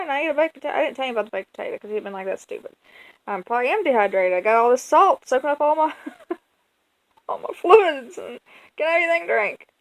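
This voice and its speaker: Chatty American woman with creaky, higher-pitched voice. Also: poor audio. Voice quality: colloquial, folksy speech. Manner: chatty, animated retelling with self-quotes and drawn-out emphasis. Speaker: vlogger. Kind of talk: casual storytelling vlog.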